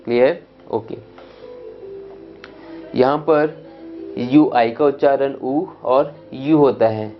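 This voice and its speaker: A man teaching English pronunciation, reading out word lists one by one and often checking "clear?" with his students. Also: mid-range voice, muffled recording. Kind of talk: pronunciation lesson.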